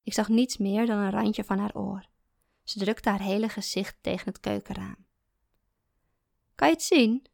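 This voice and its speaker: A woman narrating a first-person literary story in a calm, measured way. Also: mid-range voice, vocal fry, no echo, studio quality.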